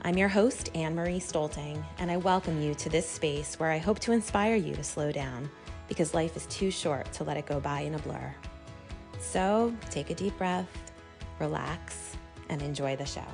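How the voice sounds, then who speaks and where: A woman's voice: sits low, moderate pace, gravelly, music in the background. A woman hosting a podcast, reading her intro and chatting with an upbeat, enthusiastic manner. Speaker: podcast host. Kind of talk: scripted intro and casual interview.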